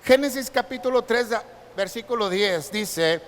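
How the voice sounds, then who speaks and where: A man's voice: extremely high pitch, expressive, measured pace, fairly bright tone. A man preaching a sermon as pastor, asking the congregation rhetorical questions and acting out the voices of frightened people. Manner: acts out frightened crowd voices. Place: church sanctuary. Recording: long reverb in a large church hall with faint hiss.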